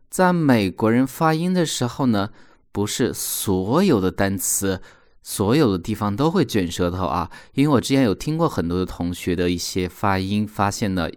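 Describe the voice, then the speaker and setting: A man teaching English pronunciation in a recorded lesson, explaining patiently and repeating example words slowly. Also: fairly low pitch, darkish tone.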